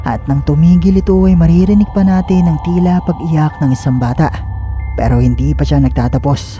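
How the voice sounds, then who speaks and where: A man narrating a scripted horror video in a measured storytelling manner. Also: a little high, warm tone, highs cut off, soft background music. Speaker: narrator of the channel.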